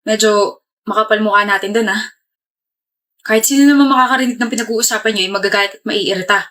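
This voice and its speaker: A woman playing a blunt, teasing young man in a comedy skit, with a deadpan manner. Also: medium pitch, fast talker, close to an everyday voice.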